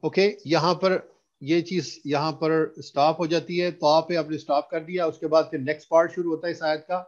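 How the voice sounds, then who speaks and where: A man teaching a recitation class, explaining in Hindustani mixed with English and slowly chanting drawn-out verses for students to repeat. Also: fairly high pitch, steady tone, lo-fi sound. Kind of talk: online recitation lesson.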